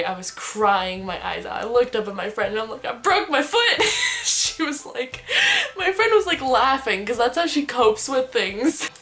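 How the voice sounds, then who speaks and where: A young woman vlogging, telling a story in a casual, animated way and laughing often as she talks. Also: fairly high pitch.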